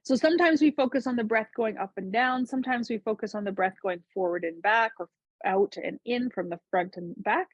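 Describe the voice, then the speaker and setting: A gentle woman leads a chair yoga session, with a slightly high and soft, breathy voice. She guides the breath and movement in calm, unhurried cues. The recording is dry and a bit dull. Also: no room sound. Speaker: yoga instructor.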